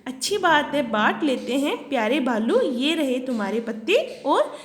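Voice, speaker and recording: A woman's voice: high-pitched, very animated, unhurried, echoey room. A woman doing a clever, polite farmer. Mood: agreeable. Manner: agreeable, sweet-talking.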